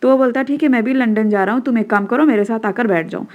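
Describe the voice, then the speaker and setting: A woman's voice: a little high, phone-quality sound. Indian woman teacher explaining a lesson. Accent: Indian English. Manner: mixes Hindi and English, explains slowly with checking asides.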